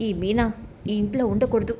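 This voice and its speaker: A scheming, sharp-tongued mother-in-law, as a woman narrator reads her hurls accusations. Her lines come fast and a little high. The delivery stays close to a storyteller's plain voice. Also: fairly even intonation, a little hiss or hum, close to an everyday voice. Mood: accusing. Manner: accusing, bossy.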